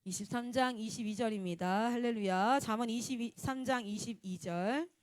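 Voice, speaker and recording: A woman missionary, preaching a Sunday sermon and telling personal stories in a lively way. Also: on the high side, normal speed, dry recording, clean studio sound. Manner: animated, acts out quotes and laughs often.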